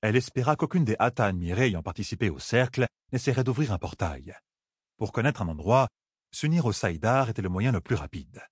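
A man reading a fantasy audiobook in a lively, expressive narration style. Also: fairly low pitch, fairly quick, breathy edge, no room sound, studio quality.

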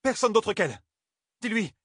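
A man's voice: high-pitched, very animated, moderate pace, fairly bright tone, husky, no room sound, clean studio sound, voice pushed up, heavily acted. A man voicing a stern, proud young woman channeler in a fantasy audiobook, giving curt orders. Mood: urgent. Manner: curt commands.

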